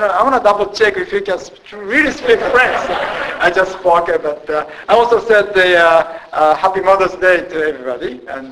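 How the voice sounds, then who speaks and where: A Japanese man with a Japanese accent, a missionary preaching a sermon in a church with halting, self-deprecating humor. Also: sits high, a bit bright, low-quality recording.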